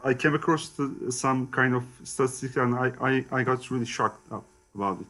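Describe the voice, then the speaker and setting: A man's voice: medium pitch, normal speed, sharp tone. A man chatting in English on a video call, stammering and repeating words as he searches for them. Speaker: conversation club participant. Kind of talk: casual online chat in English.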